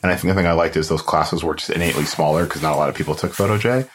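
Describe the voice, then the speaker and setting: A young man from South Florida, a photographer guest, chatting casually in a relaxed, rambling way, full of "like". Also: rumbling low, rapid-fire, a little hiss or hum. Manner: relaxed, rambling, heavy use of "like". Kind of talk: casual interview chat.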